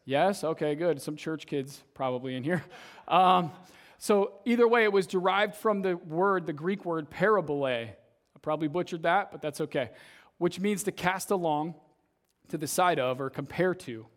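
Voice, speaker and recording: Here a young man's somewhat high voice, roughened a bit by earlier shouting, carries a relaxed sermon at a moderate speed. As the church's youth pastor, he chats with the congregation and repeatedly checks in by adding "right?" to his points.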